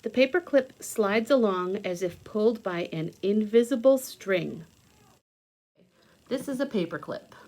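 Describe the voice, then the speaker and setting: Speaking with lively intonation, a measured pace and a darkish tone in a mid-range voice, a woman teaches young children through a hands-on read-aloud. She thinks aloud and breaks things down simply, step by step, in a homemade video with noticeable background noise.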